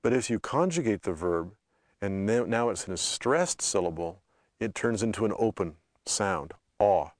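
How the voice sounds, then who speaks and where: A North American man hosting a language lesson, explaining pronunciation in a clear, steady teaching tone. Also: fairly low pitch, normal speed, dry recording, studio quality.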